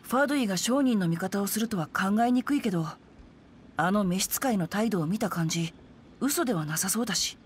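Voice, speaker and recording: In a Japanese anime-style game dub, a woman voices a refined, chivalrous teenage boy swordsman who is polite, composed, and earnest, with literary phrasing. Her natural voice is medium-pitched, expressive, and a little fast, with a little hiss or hum.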